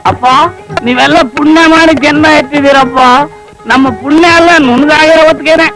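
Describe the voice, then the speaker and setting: Comic film role: a henpecked middle-aged husband, very high voice, theatrical self-pity, soundtrack music behind. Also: male voice, fairly even intonation, a little fast, poor audio. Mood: comic lament. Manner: theatrical self-pitying lament; playful rhyming wordplay. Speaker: henpecked married man. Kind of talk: 1980s Kannada film comedy acting.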